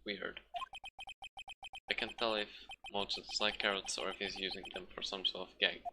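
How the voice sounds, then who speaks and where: A man's voice: deep voice, little pitch movement, a little slow, very noisy. A man live-streaming a game and reading its dialogue aloud, with casual, chuckling asides. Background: game music.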